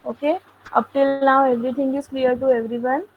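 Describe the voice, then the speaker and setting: A woman's voice: high-pitched, level tone, narrow, tinny audio. A woman teaching a programming lesson over a video call, explaining step by step and often saying okay. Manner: explanatory, fills pauses with okay. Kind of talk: online programming lecture.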